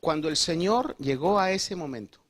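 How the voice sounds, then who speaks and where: Animated bright-voiced male pastor preaching. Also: fairly high pitch, normal speed. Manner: animated, acts out quotes, addresses listeners as "hermano". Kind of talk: sermon with storytelling. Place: church in Long Island, New York.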